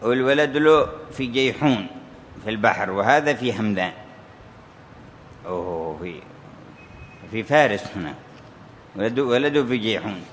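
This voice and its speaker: In sermon-style commentary on a classical religious text, a man tells stories and acts out the quoted voices, his emphasis rising and falling. His voice is lowish and animated, at a moderate pace with frequent pauses, recorded in an echoey hall with faint ambience and slight background noise.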